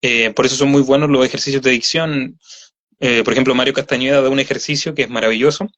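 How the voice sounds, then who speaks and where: A man with a Chilean accent, a guest voice actor in a casual interview chat, explains at length with plenty of fillers. His mid-range, fairly bright voice moves at a quick pace with fairly even intonation. The sound is slightly dull lo-fi audio.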